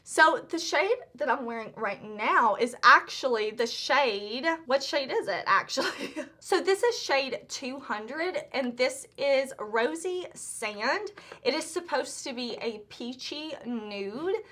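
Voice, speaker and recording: A woman chatting excitedly through a beauty haul, gushing and full of "like" and restarts. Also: a little high. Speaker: beauty vlogger. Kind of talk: casual beauty haul chat.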